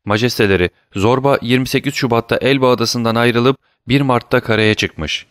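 A man's voice: medium pitch, fairly quick, a bit bright, dry recording, studio quality, voice pushed up, close to an everyday voice. A man voicing a frightened male government minister who mumbles and pleads before his king. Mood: fearful, pleading.

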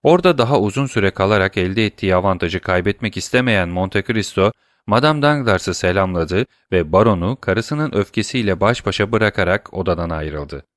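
A man narrating a classic novel as an audiobook in a measured, even storytelling manner. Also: low voice, no room sound, studio quality. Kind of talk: scripted literary narration.

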